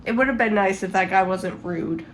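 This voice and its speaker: A woman's voice: medium pitch, normal speed, a little hiss or hum. A young woman with a sore throat who is sick, rambling and venting in a casual vlog at home. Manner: rambling and venting, lots of "like" fillers. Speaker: vlogger. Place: at home indoors.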